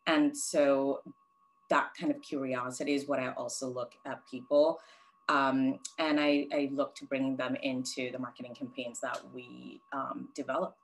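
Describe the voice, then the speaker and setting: A woman from Sri Lanka with a strikingly deep, low voice, answering interview questions as a guest. She talks things through reflectively, with frequent ums and false starts. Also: flat delivery, normal speed, rough recording. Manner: reflective, thinks aloud with many ums and restarts.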